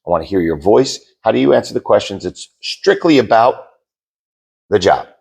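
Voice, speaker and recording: Low-voiced rambling male podcast co-host. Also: animated, normal speed, gravelly, a little mellow, husky. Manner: rambling, repeats words while searching for them. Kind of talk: casual debate chat.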